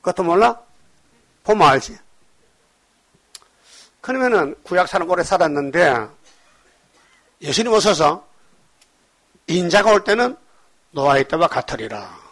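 High-voiced emphatic Korean preacher man. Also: very animated, measured pace, pauses often. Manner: call-and-response, rhetorical questions to the congregation; emphatic, swings between loud exhortation and quiet asides. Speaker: pastor. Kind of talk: sermon.

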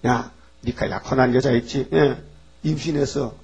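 A preacher voicing fatherly God, husky. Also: mid-range voice, steady tone, moderate pace, darkish tone, dull audio. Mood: coaxing. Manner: folksy, chummy. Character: God the Father as an old man, fatherly and coaxing.

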